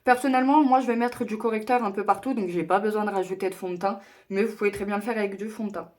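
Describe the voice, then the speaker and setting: A woman's voice: mid-range voice, steady tone, quick pace, darkish tone. A young woman chatting her way through a makeup tutorial, explaining each step and joking at her own expense. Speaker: beauty vlogger.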